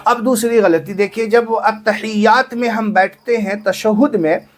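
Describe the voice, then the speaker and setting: A man's voice: high voice, fairly even intonation, measured pace. A man teaching the correct way to pray. He explains patiently, repeats his points and asks himself questions before answering them. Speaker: Islamic religious teacher. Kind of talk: religious instruction.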